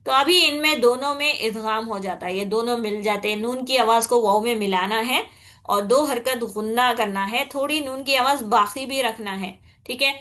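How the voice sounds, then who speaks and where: Woman recitation teacher, bright clear-ish voice, explains patiently, stretches words out nasally to demo. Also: on the high side. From India. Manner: explains patiently, often asks "okay?", demonstrates with slow drawn-out nasal recitation. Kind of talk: tajweed lesson.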